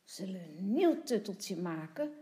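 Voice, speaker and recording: A woman's voice: medium pitch, sing-song, measured pace, dark tone, reverberant. A woman playing a stubborn little girl. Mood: pleading. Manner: eager, pleading child voice. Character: bold little girl, big sister, stubborn.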